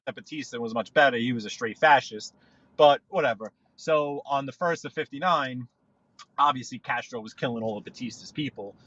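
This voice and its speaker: A New York man, a livestream guest, tells stories while driving during a casual live podcast chat, rambling and restarting his sentences as he goes. His medium-pitched voice is bright and forceful and fairly quick. The car audio has no echo but sounds dull and lo-fi, like a livestream feed.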